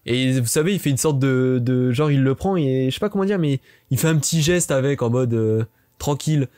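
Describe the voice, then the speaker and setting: Young french guy rattling off a story really fast, lots of euh and hein. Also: medium pitch, dark tone. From France. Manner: rapid chatty with many fillers. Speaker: vlogger. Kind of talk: casual storytelling to camera.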